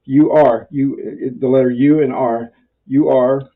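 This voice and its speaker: An American man, an amateur radio instructor, gives an informal tutorial in a rambling, conversational, self-deprecating way. His voice is medium-pitched and steady, his pace measured. The audio sounds narrow and tinny.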